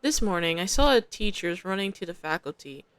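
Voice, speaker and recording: A woman's voice: on the low side, lively intonation, fairly quick, no room sound. A young woman streamer reading a visual novel aloud, dropping chatty, slangy asides between narration.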